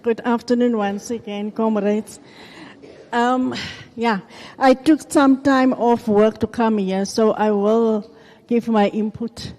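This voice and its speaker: A woman's voice: on the high side, fairly even intonation, slow pace, warm tone. A woman giving unscripted input from the floor of a meeting. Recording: hall microphone with long reverb.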